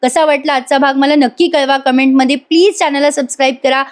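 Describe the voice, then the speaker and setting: Woman, high voice, fast voice-over recap, talks straight to viewers. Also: steady tone. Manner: fast storytelling, addresses the audience directly. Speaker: serial episode reviewer.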